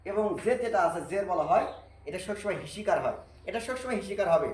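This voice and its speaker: Guy doing quran reading drills, kinda high voice, echoey room. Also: lively intonation. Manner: repeats drills slowly and patiently, asks and answers own questions. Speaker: Quran teacher. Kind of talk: Arabic reading lesson.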